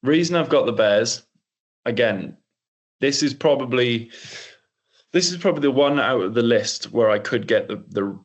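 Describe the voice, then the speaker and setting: A young man co-hosts a casual sports podcast, rambling along with plenty of ums, fillers, and restarts. His medium-pitched voice is animated at a moderate pace, and the sound is lo-fi.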